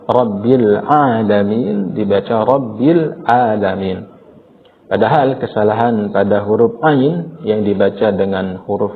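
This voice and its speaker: A man teaching Quran recitation, patiently explaining mistakes and chanting verses slowly as examples. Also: lowish voice, long reverb tail. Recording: tinny phone-like audio.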